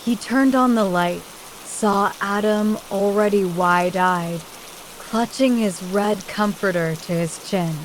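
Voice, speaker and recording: Woman narrating a scary audiobook, really slow and measured, faint rain behind. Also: medium pitch, a little hiss or hum, rough recording.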